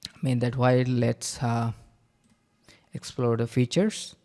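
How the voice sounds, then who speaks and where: A man giving a casual screen-recording tutorial, halting with many fillers and repeated okays. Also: mid-range voice, flat delivery, mellow. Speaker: software reviewer.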